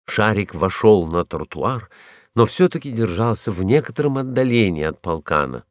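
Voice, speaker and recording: A man's voice: on the low side, animated, moderate pace, dry recording, clean studio sound. A man narrating a storybook, reading expressively.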